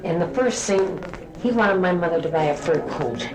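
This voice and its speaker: A woman's voice: lowish voice, animated, normal speed. A woman interviewee telling a family story in a chatty way, full of "you know.". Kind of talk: storytelling, reminiscing. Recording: roomy echo.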